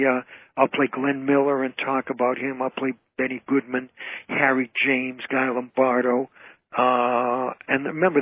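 A man with a medium-pitched, breathy-edged voice and no echo tells anecdotes and explains things as a guest entertainer in an interview. The audio comes through a narrowband, phone-like radio line.

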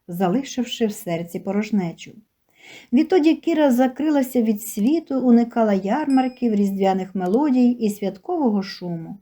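A woman reads a story aloud as scripted narration, calm and measured. Her voice is mellow and warm rather than bright, and sits somewhat high for a woman. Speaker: audiobook narrator.

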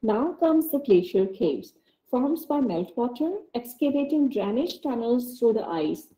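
A woman with an Indian English accent giving an online lecture, reading through slides in a measured way with the odd filler and restart, over a computer mic on a video call. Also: fairly high pitch, big pitch swings, warm tone, poor audio.

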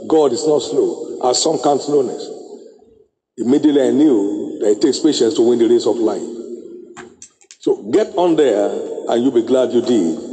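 A middle-aged man preaching a sermon on a handheld mic in a large church auditorium, slow and emphatic with drawn-out phrases and sudden high exclamations. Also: animated, dark tone. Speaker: bishop preaching. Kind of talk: sermon exhortation. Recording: echoey hall reverb.

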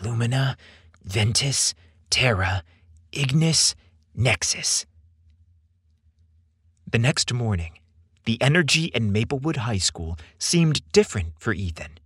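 This is scripted, dramatic fiction read by a male narrator in a theatrical, deliberate style. He speaks slowly with a husky edge and wide, lively pitch movement. The recording is dry and close-miked, with no room sound.

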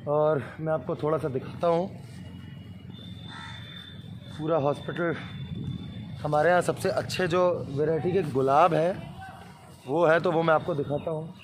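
Brief: young male vlogger, hoarse throat, chatty and friendly, slightly high voice, faint outdoor noise. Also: fairly even intonation, normal speed. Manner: chatty, friendly, repeats filler words. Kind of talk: casual vlog chat. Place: outdoors at a hospital grounds.

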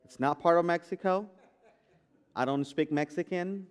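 A Guatemalan pastor in his 30s, whose first language is Spanish, shares a sermon testimony in a church sanctuary. His male voice is smooth, clear and fairly high, moving at a moderate pace. He talks conversationally, with many fillers and restarts.

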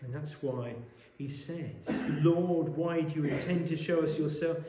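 A man preaching a sermon, explaining a Bible passage in a measured way and asking rhetorical questions, recorded in a church. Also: fairly high pitch, mellow. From Wales. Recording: echoey church room.

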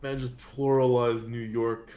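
A man's voice: mid-range voice, flat delivery, measured pace, mellow. A man casually chatting while playing a card game on stream, tired and drowsy, yawning as he talks. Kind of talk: casual gameplay chat.

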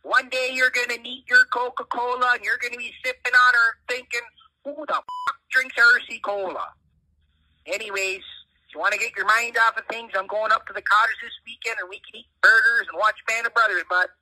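A man's voice: very high voice, fairly even intonation, brisk, pushed and bright, exaggerated voice, rough recording. A man voicing a blunt, folksy, foul-mouthed Canadian uncle leaving a comedic voicemail, heard through a phone speaker. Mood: folksy, reassuring. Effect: phone voicemail playback. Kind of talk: comedic phone message monologue.

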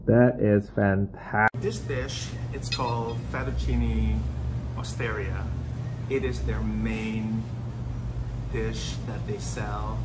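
A man in his forties vlogging a meal in a small restaurant, enthusiastic and savoring every bite. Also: fairly low pitch. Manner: enthusiastic, savoring food with drawn-out exclamations. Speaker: food vlogger. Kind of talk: casual food vlog. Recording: restaurant noise behind.

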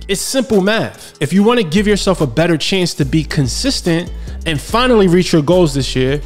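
A fitness coach in his thirties with a slightly high voice talks up home gym gear in a lively, slangy way. He is filmed at full-body distance in an indoor home gym room. Light background music plays under his voice. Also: echoey room. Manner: hyped, slangy, energetic pitch. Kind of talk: sponsored product review vlog.

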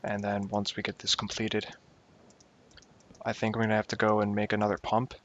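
A young man with a lowish voice chats his way through a building game, rambling, muttering and poking fun at his own slips. The sound is dull and lo-fi, like a cheap desk mic in a room at home. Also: monotone, moderate pace. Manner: rambling, self-mocking, talks to himself while playing. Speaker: gaming YouTuber. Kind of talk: casual gameplay commentary.

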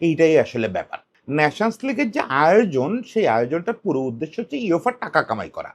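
Animated high-pitched man commenting on football. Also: quick pace. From Bengal. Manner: animated, rhetorical questions, shifts pitch for emphasis.

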